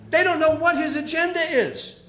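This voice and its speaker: Reading scripture and building in fervor, a middle-aged man delivers a sermon from a wooden pulpit. He speaks at normal speed in a very high, slightly bright voice with fairly even intonation. The pulpit mic records the roomy sound of the church hall.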